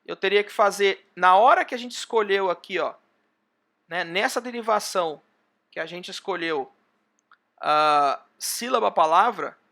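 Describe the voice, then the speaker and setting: A Brazilian man lecturing over a video call, with a high, bright voice and a gravelly edge. He walks through the example one step at a time and keeps pointing things out as he goes. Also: measured pace. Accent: Brazilian Portuguese. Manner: explains step by step, often pointing with "ó". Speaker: university lecturer. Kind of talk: online class lecture.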